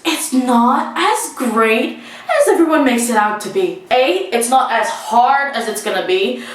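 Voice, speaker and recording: A woman's voice: a little high, fairly bright tone. A woman in her twenties talking in a candid, rambling, casual confessional way, recorded in an echoing bathroom. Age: 20s. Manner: rambling, candid, freely swearing. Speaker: vlogger. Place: small indoor bathroom. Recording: very echoey bathroom, distant mic.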